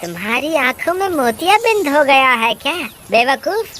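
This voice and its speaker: A woman's voice: sits high, sing-song, moderate pace, fairly bright tone, slight background noise. A woman voicing a panicky, bossy village trickster man in a cartoon, who wails and whines. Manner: whiny, panicky wailing. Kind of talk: Hindi cartoon voice acting.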